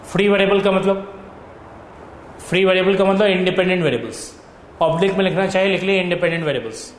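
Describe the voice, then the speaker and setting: A male economics tutor with a high voice dictates lecture notes at a quick pace, checking in with his students as he goes. The classroom recording is echoey with faint noise.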